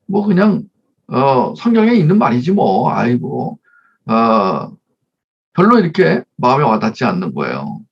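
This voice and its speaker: Gravelly male pastor, lively sermon. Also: medium pitch, a little slow, muffled recording. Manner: acts out mother and child voices, leads congregation reading. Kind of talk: conversational sermon with Bible readings.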